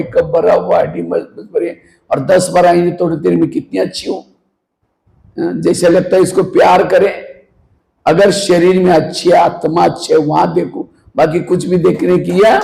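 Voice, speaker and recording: A man's voice: high-pitched, vocal fry, darkish tone, rough recording. A man giving a spiritual discourse to a live audience, earnest and full of rhetorical questions, now and then scolding sleepy listeners. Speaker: spiritual teacher. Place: meditation hall.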